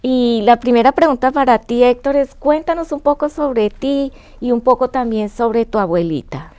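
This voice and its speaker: A woman's voice: fairly high pitch, moderate pace, darkish tone, clear, resonant tone, dull audio. A woman hosting a health talk and interviewing a guest, explaining plainly and checking in with short questions. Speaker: host.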